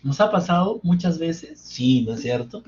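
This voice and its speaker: A man's voice: a little high, animated, moderate pace, darkish tone. A man teaching a live online psychotherapy class, engaging his students by asking them question after question. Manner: engaging, keeps quizzing students. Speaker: psychotherapy lecturer. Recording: dull lo-fi sound with faint background noise.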